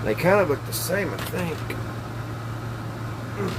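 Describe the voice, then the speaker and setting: A middle-aged man who hosts a hobby radio repair channel speaks in a high-sitting, very animated voice at a measured pace. In a small wood-panelled indoor workshop, he chats casually and thinks aloud in a folksy, hesitant way while demonstrating hands-on tinkering, with background noise present.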